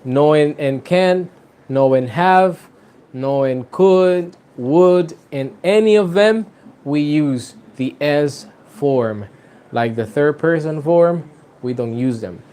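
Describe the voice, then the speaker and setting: A man's voice: a little high, extremely slow, warm tone, smooth. A man teaching an English lesson to Spanish speakers, switching between Spanish and English and stretching out his example sentences.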